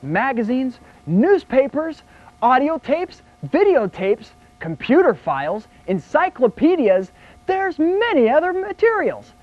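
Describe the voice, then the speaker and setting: An actor playing a flamboyant carnival barker who presents information in showy announcer patter. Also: male voice, extremely high pitch, huge pitch swings, measured pace, muffled recording, heavily acted. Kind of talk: scripted educational film.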